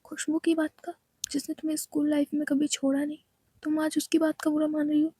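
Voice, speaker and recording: A woman's voice: sits high, monotone, a little fast, warm tone, no echo, lightly acted. A woman voicing a bold, teasing young woman who gives orders to her friends. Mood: commanding.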